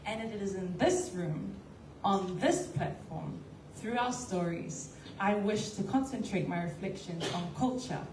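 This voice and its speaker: A woman's voice: mid-range voice, a little slow. A woman from Samoa delivering a formal, poised and ceremonial prepared speech as a pageant contestant. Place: indoor event hall on a stage. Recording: echoey hall, distant mic, faint noise.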